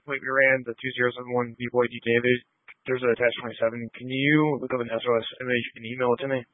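A male police officer makes clipped, businesslike radio calls. He talks fast with little pitch movement. The signal is narrow and muffled, like a handheld radio. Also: flat delivery, no echo. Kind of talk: police radio call-ins. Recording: muffled, band-limited radio transmission.

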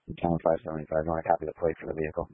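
A man makes a routine officer's radio call. His voice is low-pitched, dry and confined to a thin radio band. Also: completely flat delivery, racing, no room sound. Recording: narrow, dry police radio.

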